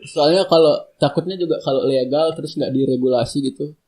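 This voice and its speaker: A man's voice: a little high, a little fast, a little mellow. A young man chatting casually, laid-back and slangy, often laughing. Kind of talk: casual chat. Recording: echoey room.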